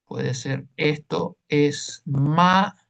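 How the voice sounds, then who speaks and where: A man's voice: on the high side, takes it slowly, creaky. A man teaching a Hebrew class online, explaining patiently and checking in with listeners as he goes.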